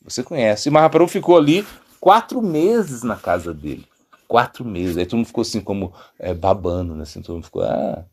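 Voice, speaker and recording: A man's voice: fairly low pitch, fast talker, slightly rough. Brazilian monk guy telling a story, lots of fillers and restarts, voice goes up and down a lot. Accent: Brazilian Portuguese. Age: middle-aged. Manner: rambling, with many fillers and restarts, lively storytelling. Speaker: monk teaching. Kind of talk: informal spiritual talk.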